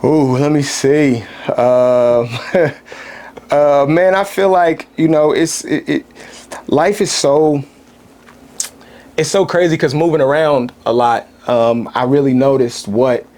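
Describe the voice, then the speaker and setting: A man in his mid-thirties, from Kansas City, is a guest on a podcast and an actor. He talks about his life in a thoughtful, unhurried way with frequent "uh" and "um" pauses. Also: on the high side, fairly even intonation, darkish tone. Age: 30s. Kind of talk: relaxed interview talk.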